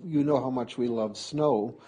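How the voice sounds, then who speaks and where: A man in his late fifties from Minnesota with a Minnesotan accent, telling stories in a lively, animated way during a recorded conversation with a friend. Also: medium pitch, a little slow, slight background noise, rough recording. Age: 50s. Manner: lively, laughs often, animated storytelling. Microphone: close interview mic.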